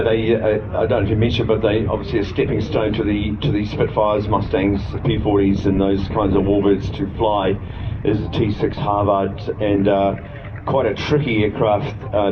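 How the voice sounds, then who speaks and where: A man's voice: on the low side, background noise. A man doing informal, chatty airshow commentary, speaking directly to the crowd. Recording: dull outdoor PA with music behind.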